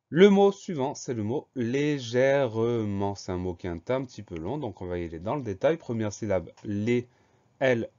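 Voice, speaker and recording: Patient, low-voiced man spelling words aloud. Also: dark tone, lo-fi sound. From France. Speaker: teacher. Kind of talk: spelling dictation lesson.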